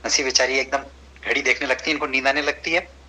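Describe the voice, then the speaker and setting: Bright, husky-voiced male teacher. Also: mid-range voice, steady tone, quick pace, rough recording. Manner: patient, encouraging, mixes English phrases. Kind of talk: online class instruction.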